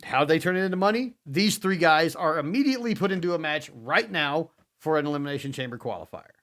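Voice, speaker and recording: A man co-hosting a wrestling podcast, retelling the week's shows in a casual, animated way and acting out what the wrestlers said. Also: on the high side, quick pace. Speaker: podcast co-host.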